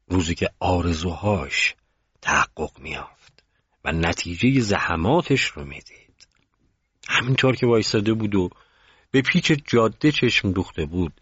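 A man narrating a scripted story in a calm, measured way. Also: low-pitched, husky, dry recording. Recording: dull muffled recording.

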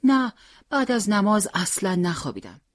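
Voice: medium pitch, big pitch swings, dry recording, studio quality, pitched above the performer's own voice, natural voice. A reader voicing an eager schoolgirl sister. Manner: bright and eager to please. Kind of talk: audiobook character reading.

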